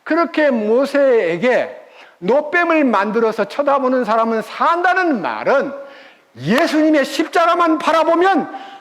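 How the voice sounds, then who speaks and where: A man's voice: very high voice, very animated, unhurried, fairly bright tone, big-room sound. An older man preaching a sermon as pastor at a church retreat, telling the story with emphatic energy.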